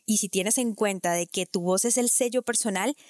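A woman voice coach explaining technique in a clear, didactic way, speaking straight to the listener. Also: mid-range voice, normal speed, no echo, clean studio sound. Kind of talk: instructional talk to camera.

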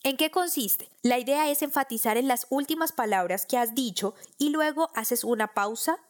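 A woman hosting a podcast, giving a scripted lesson on public speaking in a clear, instructive way and addressing the listener directly. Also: high voice, moderate pace. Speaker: podcast host. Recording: section headings read over loud electronic music.

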